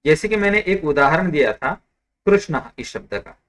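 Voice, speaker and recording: Man explaining a Sanskrit lesson, higher voice. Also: expressive, normal speed, fairly bright tone. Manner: explanatory, slips and corrects himself, mixes English terms. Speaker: Sanskrit teacher. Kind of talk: online lecture.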